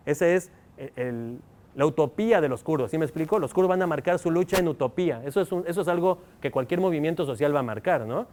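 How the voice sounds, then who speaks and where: In a somewhat high, slightly mellow voice, a male professor with a Mexican Spanish accent lectures and peppers his audience with rhetorical questions, staying engaging throughout. A little hiss or hum sits under the recording.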